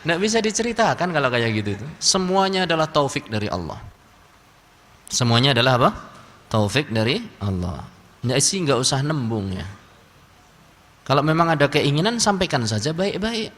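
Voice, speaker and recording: In a mosque hall with long reverb, a preacher gives a religious lecture full of funny stories, acting out the characters with quoted lines. His mid-range voice is sing-song and fairly bright, at a moderate pace with long pauses.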